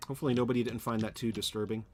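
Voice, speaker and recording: A man's voice: mid-range voice, fairly even intonation, very fast, soft background music. A man live-streaming a factory-building game, rambling as he builds and chatting with viewers. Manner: rambling, talks to chat while building. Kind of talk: casual live-stream chat while playing.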